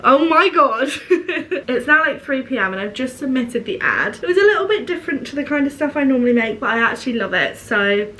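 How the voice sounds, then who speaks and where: Chatty woman vlogging, slightly high. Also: expressive, a little fast, a bit bright, a little hiss or hum. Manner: chatty, rambling, lots of "like". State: a little woozy after illness. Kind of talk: casual vlog chat.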